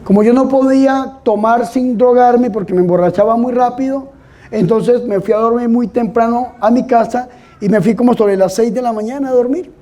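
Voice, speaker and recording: High-voiced Colombian priest giving testimony. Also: male voice, moderate pace, warm tone. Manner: emphatic storytelling, repeatedly urging listeners to pay attention. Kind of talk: testimony talk to a live audience. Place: event hall with an audience.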